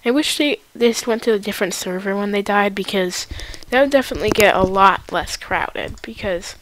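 A woman giving live gameplay commentary as a gaming video host, excitable and prone to panicked exclamations. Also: mid-range voice, fairly quick, a little hiss or hum, poor audio.

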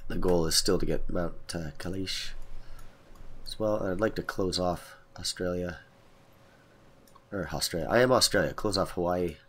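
A man's voice: deep voice, fairly even intonation, moderate pace, pauses often. A man with a head cold and a lisp, casually talking through a strategy game as he plays, thinking aloud with lots of fillers. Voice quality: lisp, whistly S sounds. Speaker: let's play host. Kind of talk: casual gameplay commentary.

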